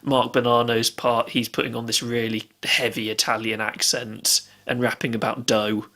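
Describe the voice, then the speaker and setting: A man's voice: medium pitch, level tone, moderate pace, sharp tone. Chatty man reviewing music. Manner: chatty, laughs often, restarts. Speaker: podcast co-host. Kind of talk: casual music review chat.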